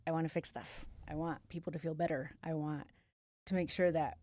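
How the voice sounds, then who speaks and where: A woman's voice: deep voice, fairly even intonation, a little fast, mellow, no echo. A woman guest on a podcast, talking about her outreach work in a heartfelt, emotionally open way. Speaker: police community outreach coordinator, guest. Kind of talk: casual interview conversation. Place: podcast studio.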